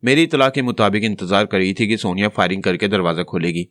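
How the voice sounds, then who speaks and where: A man with an Urdu accent narrating a novel as an audiobook, voicing every character himself in a steady storytelling manner. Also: on the low side, quick pace, no echo, studio quality.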